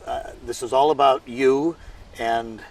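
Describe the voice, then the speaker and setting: A man's voice: medium pitch, steady tone, slow pace. A man hosting a casual gardening vlog outdoors, chatty and rambling with lots of fillers and restarts. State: out of breath. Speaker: gardening video host. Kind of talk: casual vlog talk to camera. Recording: distant outdoor mic with faint ambient noise.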